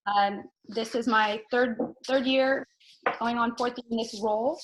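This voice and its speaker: Woman, former teacher, video call, friendly, slightly high pitch. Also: fairly even intonation, unhurried, low-quality recording. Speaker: district design engineer, former teacher. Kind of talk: interview answers on a video call.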